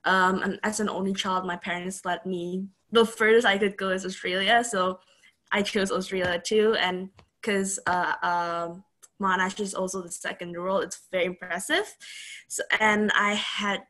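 A woman's voice: medium pitch, fairly even intonation, moderate pace, fairly bright tone. A young woman from Indonesia, a university student, chatting casually on a video call with lots of you knows. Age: young adult. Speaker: student panellist.

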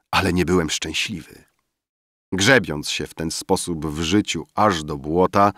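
A man reading a classic novel aloud as an audiobook narrator, measured and expressive. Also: deep voice, no echo, studio quality. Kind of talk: scripted narration.

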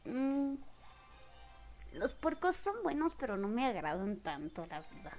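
Excitable Mexican woman streaming a game. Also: on the high side, a little slow, soft background music. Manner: excitable, bursts into shrieks and laughter, greets viewers warmly. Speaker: live-streamer. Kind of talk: casual live gameplay commentary.

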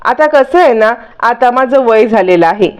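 A woman's voice: a little high, expressive, normal speed, clean tone, natural voice. A woman voicing an old grandmother who pities herself and overacts in a whiny, melodramatic way. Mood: self-pitying.

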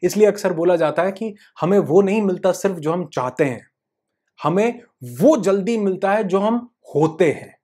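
A man's voice: sits high, expressive, normal speed, mellow, husky. A man coaching on the law of attraction in a motivational talk. He mixes English terms into his Hindi and repeats phrases for emphasis.

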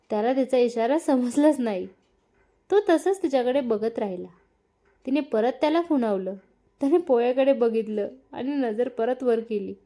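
Woman reading a family story, calm and steady, mellow voice, kinda high. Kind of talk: scripted story narration.

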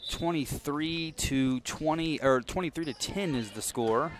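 Energetic young male volleyball commentator. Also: a little high, measured pace, background noise. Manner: energetic, calls scores and plays. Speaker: play-by-play commentator. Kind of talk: live sports commentary.

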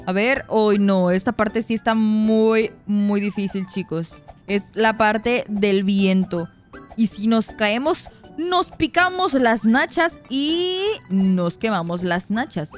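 A young woman giving excited gameplay commentary, often shrieking and squealing at mishaps while talking to her viewers. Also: medium pitch. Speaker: gaming youtuber.

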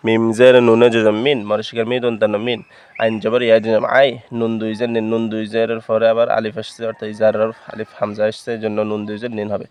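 A man's voice: on the low side, monotone, fast talker, a little mellow, smooth. A man teaching Quran reading, patiently spelling out letters and syllables one at a time. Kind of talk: slow spelling-out recitation lesson.

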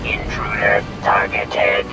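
A man voicing a mechanical battle droid in a game, through a glitching robotic filter, with flat, slow, clipped announcements. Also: lowish voice, roomy sound. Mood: robotic alert. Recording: distant game audio under loud music.

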